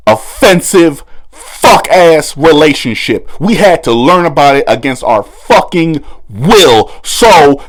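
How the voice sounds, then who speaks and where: A man hosting a commentary channel, ranting angrily with heavy swearing and bursts of shouting. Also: on the high side. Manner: furious, swearing, voice breaking into shouts. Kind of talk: angry commentary rant. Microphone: no usual setup.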